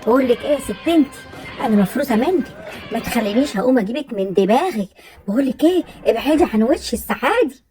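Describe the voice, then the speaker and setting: Woman acting brash mother-in-law, Egyptian accent, loud and blunt, high voice, comedy sketch. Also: expressive, quick pace, music in the background, natural voice. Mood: scolding.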